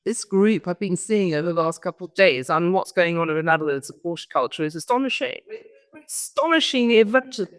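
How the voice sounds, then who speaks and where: A woman's voice: fairly low pitch, expressive, brisk, smooth. A woman giving an informal conference talk as a guest speaker, rambling and often interrupting herself. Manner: rambling, self-interrupting storyteller. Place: large event hall. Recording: long hall reverb.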